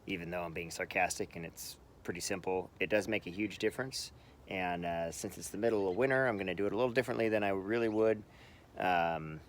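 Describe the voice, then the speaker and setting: A man's voice: fairly low pitch, pushed and bright, slight background noise. A man talking casually through a small truck repair in a how-to vlog, chatty and easygoing with plenty of fillers. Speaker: vlogger. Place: garage or outdoors by a truck, winter.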